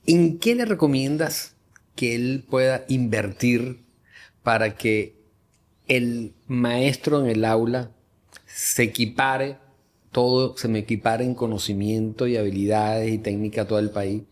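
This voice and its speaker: A man's voice: mid-range voice, measured pace. A man hosting a podcast interview, asking long winding questions with restarts. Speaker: podcast host.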